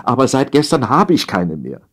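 A man's voice: medium pitch, wildly swooping pitch, moderate pace, slightly rough, pitched above the performer's own voice. A man voicing a harried, nagging empress who complains about her household. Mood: complaining. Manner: scolding, complaining. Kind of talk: audiobook character voice.

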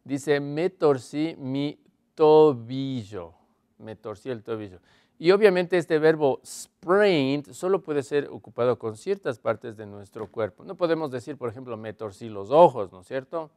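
A man teaching a televised English lesson, explaining patiently, checking in with his viewers and slowly drawing out model phrases. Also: medium pitch, a little mellow, no echo, studio quality.

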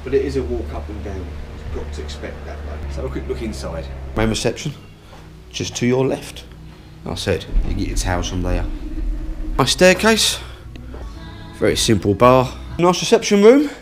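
A man in his forties, a motorcycle vlogger, chats in a down-to-earth way for a travel vlog, holding an action camera at arm's length outdoors on hotel grounds and a ferry deck. His mid-range voice is very animated at a normal speed, heard over music. The outdoor camera picks up clear background noise.

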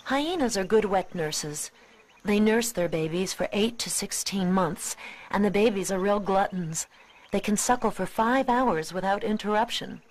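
A woman reading scripted nature documentary narration in a measured, expository way. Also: medium pitch.

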